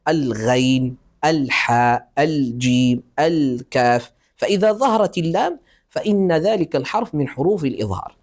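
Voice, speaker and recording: Guy teaching tajweed, slow careful examples, mid pitch voice. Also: darkish tone. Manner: slow, deliberate examples with restarts. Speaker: Quran recitation teacher. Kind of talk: tajweed lesson.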